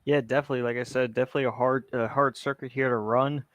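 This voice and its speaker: A man commentating a sim racing broadcast, rattling off finishing results quickly. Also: mid-range voice, fairly even intonation, fairly bright tone, no room sound, dull audio. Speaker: race commentator.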